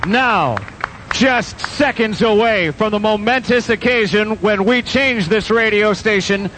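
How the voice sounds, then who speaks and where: Very high-pitched American male radio host. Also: a little slow, noisy background. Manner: excited, dramatic announcing. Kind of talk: live event announcing. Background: loud music.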